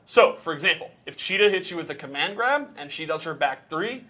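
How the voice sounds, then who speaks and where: A man's voice: a little high, animated, a little fast, pushed and bright. A man casually explaining game mechanics, patiently walking through examples step by step.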